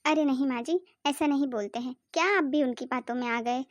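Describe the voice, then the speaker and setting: A scheming young daughter-in-law, voiced by a woman, with a very high, piping voice. She is bossy and sharp-tongued in this cartoon. The recording is close and dry. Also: brisk, no room sound, natural voice. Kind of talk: cartoon voice acting.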